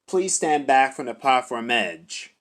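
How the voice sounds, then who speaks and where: A man reads scripted subway announcements as a transit announcer, in a formal, measured way. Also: mid-range voice, animated, fairly bright tone.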